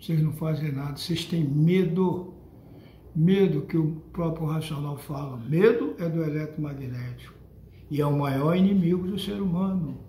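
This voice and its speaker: Older man, Brazilian accent, emphatic lecturing, mellow fairly high voice, echoey room. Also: moderate pace, slight background noise. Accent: Brazilian Portuguese. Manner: emphatic, scolding the listeners. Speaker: lecturer on a spiritual book. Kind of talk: monologue addressed to followers.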